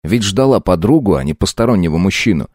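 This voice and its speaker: A man narrating an audiobook in a steady, measured way. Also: low voice, no echo, studio quality. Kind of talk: scripted narration.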